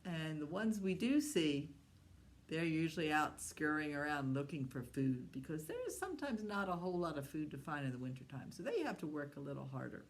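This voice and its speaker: Singsong woman teaching young children, swooping pitch. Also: animated, a little fast. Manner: broad singsong children's-presenter delivery, asking questions. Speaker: children's educator. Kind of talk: educational talk to young children about animals.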